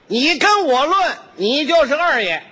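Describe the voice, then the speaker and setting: Brash high-voiced man. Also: sing-song, unhurried, very noisy. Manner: brash, boastful bragging delivery. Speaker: crosstalk performer. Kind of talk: crosstalk comedy on stage. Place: stage before a live audience.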